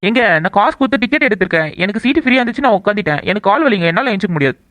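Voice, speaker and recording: A woman's voice: mid-range voice, lively intonation, very fast, no room sound, lightly acted. A woman voicing a lovestruck young man in a cartoon love story, coaxing and teasing. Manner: coaxing, playful. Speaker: hero.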